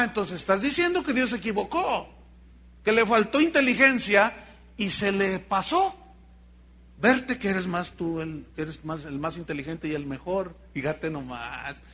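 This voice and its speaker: A Mexican pastor preaching with a high, bright voice. He tells Bible stories in an animated way and breaks into joking asides to his congregation. The tone stays bright and forceful throughout. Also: husky. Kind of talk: sermon.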